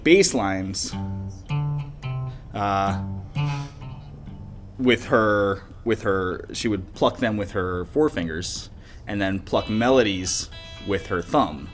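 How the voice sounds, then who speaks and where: A man's voice: lowish voice, fairly bright tone. A man co-hosting a music podcast, explaining playing technique in an enthusiastic, casual way. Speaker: guitar teacher co-host. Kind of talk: casual chat.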